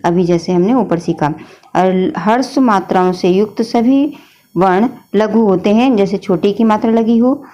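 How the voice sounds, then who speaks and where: A woman's voice: medium pitch, warm tone. Patient woman teaching a grammar lesson. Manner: patient, explanatory, addresses students as children. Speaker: Hindi teacher.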